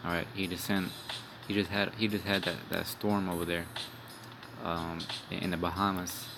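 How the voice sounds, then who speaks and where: A young street preacher speaks in a deep voice with little pitch movement, at a normal pace. His informal video sermon rambles, full of blunt cursing and lines tagged with "man" and "all right," over background music.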